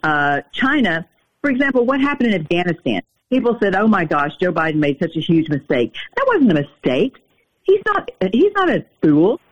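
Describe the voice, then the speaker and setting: A man's voice: sits high, sing-song, normal speed. A man running for the U.S. Senate, heard over the phone in an interview and making his case in an urgent, emphatic way. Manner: urgent, emphatic campaign talk. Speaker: U.S. Senate candidate. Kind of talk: political interview. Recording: dull, lo-fi phone line.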